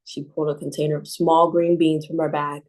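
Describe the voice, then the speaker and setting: A woman librarian reading a children's picture book aloud in a calm, expressive way. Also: deep voice, a little fast.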